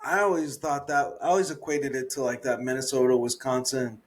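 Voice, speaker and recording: An adult man with a Southern accent co-hosts a podcast, chatting casually in a steady, mid-range voice at a slightly quick clip. He laughs often and trails off as he hunts for words.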